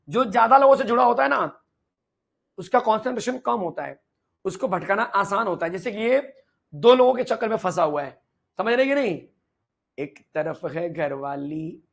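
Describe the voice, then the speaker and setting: A man teaching chemistry in an online lecture, lively and playfully teasing, asking students questions and answering for them. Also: sits high, vocal fry.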